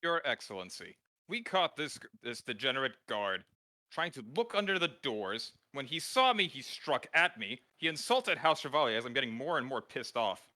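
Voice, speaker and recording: A man's voice: medium pitch, big pitch swings, normal speed, pushed and bright. A man playing an indignant, furious noble. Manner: indignant, formal, rising anger.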